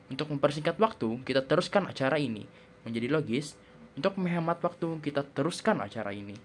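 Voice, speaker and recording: Young man reading a class presentation. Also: mid-range voice. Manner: reads steadily from notes, with small slips and restarts. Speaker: student presenter.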